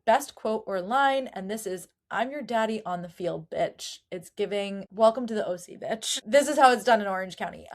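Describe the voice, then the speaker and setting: A woman hosting a casual book-discussion podcast, chatty and animated, with fillers. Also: mid-range voice. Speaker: podcast host.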